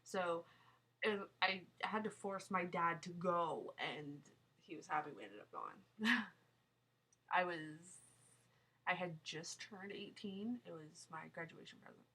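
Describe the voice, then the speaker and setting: This young woman, nasal with a sinus cold, chats casually on a live stream from her small-town home, rambling, laughing a lot and taking viewer questions. Her lowish voice is expressive and slow, pushed and bright with a breathy edge.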